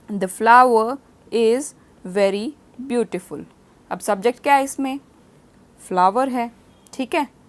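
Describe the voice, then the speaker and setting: A woman teaching a grammar lesson, explaining step by step and asking her students many quiz questions. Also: a little high. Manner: reads example sentences slowly and clearly. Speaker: English teacher.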